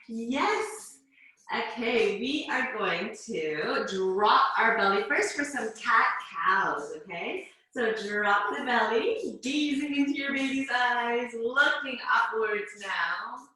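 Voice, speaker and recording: Over a video call, a Canadian fitness instructor runs a mom and baby workout class from her home workout space, giving chatty, encouraging cues. Her voice is fairly high, bright and forceful, with lively intonation and a slow pace. The room sounds very echoey.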